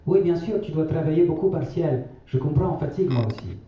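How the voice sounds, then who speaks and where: A man's voice: on the high side, expressive, brisk, a little hiss or hum, voice pushed up, natural voice. A man voicing a frail, thrifty elderly grandmother who speaks broken French. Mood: timid, apologetic. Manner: broken French with dropped articles. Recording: echoey, distant, slightly dull.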